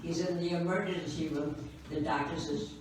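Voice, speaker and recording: A woman's voice: low-pitched, fairly even intonation, normal speed. A woman in her nineties doing live stand-up, telling jokes unhurriedly with dry punchlines. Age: 90s. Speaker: stand-up comedian. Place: cigar bar, live audience. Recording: echoey, distant, noisy live room.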